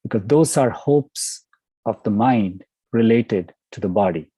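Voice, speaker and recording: Guy giving a devotional talk on a webinar, warm mellow voice, dry close sound, chatty storytelling. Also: fairly low pitch, expressive, unhurried, breathy edge, no echo, rough recording. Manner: conversational, with fillers and restarts. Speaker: devotional speaker. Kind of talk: sermon with storytelling. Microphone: video call.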